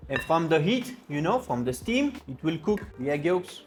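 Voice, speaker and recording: Higher-voiced man with a foreign, French-style accent. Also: very animated, moderate pace. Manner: playful, joking, with French interjections. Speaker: cooking show host. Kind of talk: casual recipe demonstration. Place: indoor kitchen with steel fridges. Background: music.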